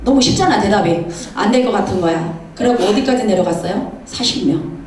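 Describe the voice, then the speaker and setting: A woman preacher giving a sermon in a church, telling a story with lively acted-out dialogue. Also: medium pitch, a little fast, a little hiss or hum. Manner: animated storytelling, acting out dialogue. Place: church sanctuary. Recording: echoey church hall from far off.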